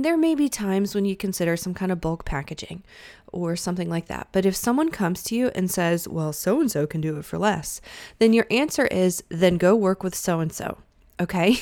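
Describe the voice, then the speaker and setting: A woman's voice: lowish voice, a little mellow, no room sound. A woman coaching freelance writers in a chatty, emphatic way, often laughing and acting out quoted lines. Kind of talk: instructional talk to camera.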